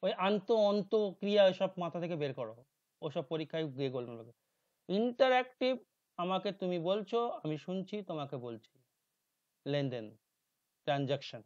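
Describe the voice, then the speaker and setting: A male teacher with a Bengali accent works through exam questions in a lecture, explaining slowly in a sing-song way. He reads English options aloud slowly and drops into quiet, low muttered asides, on a dry, slightly dull recording.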